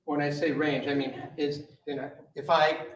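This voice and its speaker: A man questioning a witness in court, halting and full of uhs and restarts. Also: a little high, flat delivery. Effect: courtroom recording. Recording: echoey courtroom audio from a distant mic with faint noise.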